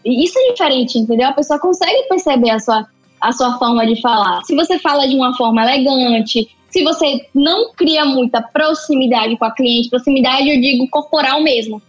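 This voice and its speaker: A woman with a Brazilian Portuguese accent, a photographer chatting casually as a podcast guest, talkative and animated with lots of fillers. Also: sits high, muffled recording.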